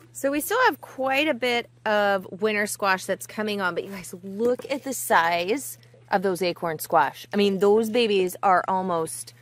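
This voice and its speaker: A woman in her forties walks through her vegetable garden outdoors, chatting eagerly to her viewers. She records herself on a phone held at arm's length. Her talk is casual and friendly, the way a homesteading vlogger talks. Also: mid-range voice. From Pacific Northwest, US. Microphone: handheld phone at arm's length.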